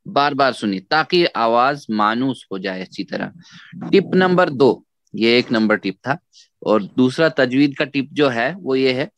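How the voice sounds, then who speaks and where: A man teaching Quran recitation in a slow, patient way, repeating sounds syllable by syllable for students to echo. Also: mid-range voice, a bit bright, studio quality. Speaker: tajweed teacher.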